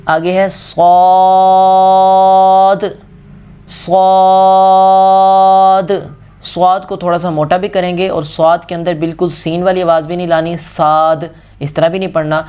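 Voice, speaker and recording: A man teaching Quran reading in a patient step-by-step lesson, slowly repeating and stretching out each letter. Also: fairly high pitch, flat delivery, a little mellow, highs cut off.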